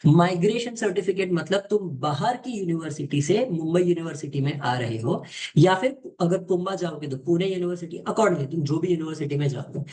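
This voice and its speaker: Man, high-pitched voice, casual tutor, direct, informal. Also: fairly quick, a little mellow. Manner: direct, mixes Hindi and English, addresses viewers informally. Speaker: exam coaching tutor. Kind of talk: casual explainer lesson.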